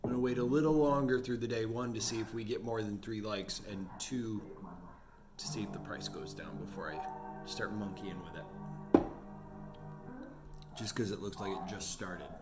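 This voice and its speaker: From his bookshelf-lined home office, a man in his forties who runs an online resale business vlogs casually about his day at home. His voice is fairly low and his speed normal, he pauses often, and loud music plays behind him.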